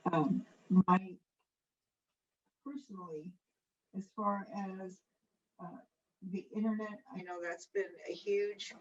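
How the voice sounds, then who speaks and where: A woman painter talking informally about her own art as a panel guest, in a halting, meandering way. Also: mid-range voice. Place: online video call. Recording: noisy, muffled video call audio.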